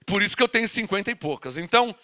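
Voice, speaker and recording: A man's voice: high-pitched, expressive, very fast, sharp tone. A Brazilian man in his fifties, a pastor teaching a sermon from the Bible with emphatic repetition and questions to his listeners. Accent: Brazilian Portuguese. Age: 50s.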